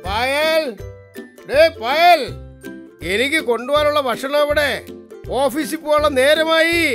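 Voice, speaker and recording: A man's voice: extremely high pitch, measured pace, fairly bright tone. A voice actor playing a husband who dismisses his wife's fears as dreams. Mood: soothing. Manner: scolding, dismissive. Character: husband and later an uncle with mantras, fussing. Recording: music behind voice.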